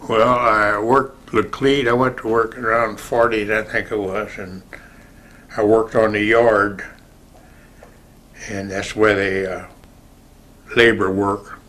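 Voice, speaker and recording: An older American man casually recalling his life for an oral history interview, in a rambling, halting way with pauses to remember. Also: fairly low pitch, flat delivery, a bit bright. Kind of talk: casual spoken reminiscence.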